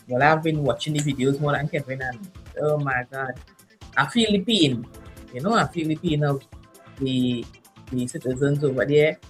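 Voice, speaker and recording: Woman co-host, low voice, chatty, casual talk show, faint music behind. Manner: chatty, laughs often, local Caribbean-style phrasing.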